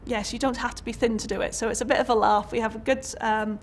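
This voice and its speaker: Speaking fast and fairly evenly, her pitch on the high side, this young Welsh-accented lecturer discusses her career candidly in an interview. Recorded indoors in a college room with slight background noise, she's chatty and keeps restarting and using fillers.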